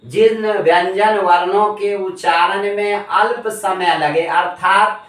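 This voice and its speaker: High-voiced, slow emphatic teacher in an echoey room. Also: male voice, steady tone, a bit bright. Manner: emphatic, repeats key points. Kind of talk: classroom grammar lesson. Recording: echoey room, voice far from the mic.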